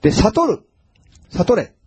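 Pastor guy giving a sermon, voice swings up and down a lot, kinda high, storytelling vibe. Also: takes it slowly, breathy edge. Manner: animated storytelling, acts out Bible quotes.

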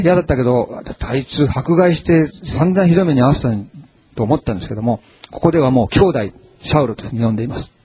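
Male pastor, mellow husky tone, lively conversational sermon, dry close sound. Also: mid-range voice. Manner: conversational, animated preaching with frequent fillers.

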